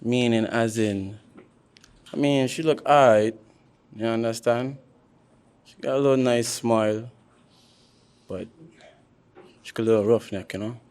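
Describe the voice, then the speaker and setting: A man's voice: medium pitch, unhurried, long pauses, darkish tone, clear, resonant tone. A man with a Kittitian accent, talking in casual, unscripted banter as a dating show contestant. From Saint Kitts and Nevis.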